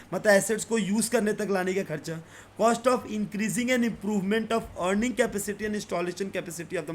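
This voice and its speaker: A man with a fairly high voice teaching accounts for exams, with a faint hum of ambience behind him. He reads each definition out slowly and carefully, then rattles through the explanation in everyday speech. He keeps addressing his students directly as beta and sir. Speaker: commerce teacher. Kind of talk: exam-prep accounts lesson.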